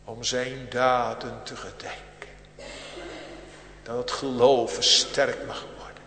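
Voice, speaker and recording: A man preaching a sermon to a congregation, with a solemn cadence that swells and drops in loudness and archaic biblical phrasing. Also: medium pitch, level tone, slow pace, slight background noise. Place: large church. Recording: echoey church hall with long reverb.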